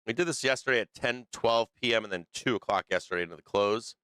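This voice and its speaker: A man with a low, bright, crisp voice hosts a live stock market stream, talking fast and loosely through the charts with lots of fillers and restarts as he thinks aloud. His voice is going hoarse, and the recording is close and dry, with no echo or room sound.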